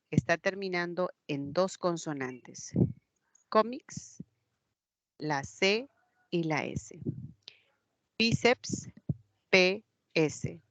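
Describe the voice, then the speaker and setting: A woman's voice: lowish voice, no room sound. A woman teacher with a Peruvian Spanish accent, leading an online class and patiently explaining step by step. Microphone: computer mic in a video class. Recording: dull lo-fi online class audio.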